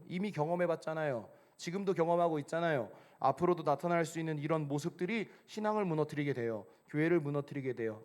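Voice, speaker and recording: A middle-aged man preaching a sermon as pastor, telling stories with sudden loud outbursts and hushed asides. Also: a little high. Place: church sanctuary.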